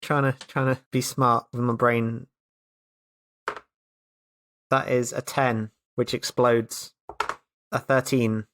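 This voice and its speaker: A player chats casually about a tabletop role-playing game, voice at a middle pitch and a bit bright. Speech is slow and flat with long pauses, yet emphatic, with frequent repeated words, over slight background noise.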